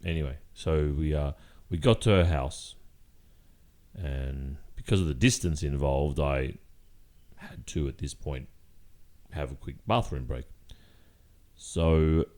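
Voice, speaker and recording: Guy acting as a guilty boyfriend, asmr roleplay, super deep voice, slow n hesitant, lots of pauses. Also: a little mellow. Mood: halting, uneasy. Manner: halting, hesitant, long pauses. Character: hesitant guilty boyfriend confessing, soft and careful. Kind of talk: ASMR boyfriend role-play.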